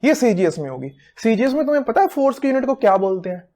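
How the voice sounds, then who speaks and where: A man's voice: very high voice, big pitch swings, fast, darkish tone. A man in his thirties giving a physics lecture, playful and teasing, joking about himself as he works through units. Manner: playful, teasing, self-mocking. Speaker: physics teacher. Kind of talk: recorded classroom lecture.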